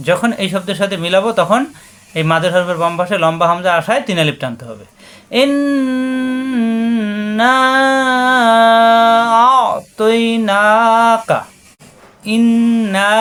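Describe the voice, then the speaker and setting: High-voiced man teaching recitation. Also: fairly bright tone. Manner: patient, repetitive drilling of syllables, slows and sings out recitation. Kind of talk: word-by-word tajweed lesson, spoken explanation with chanted recitation.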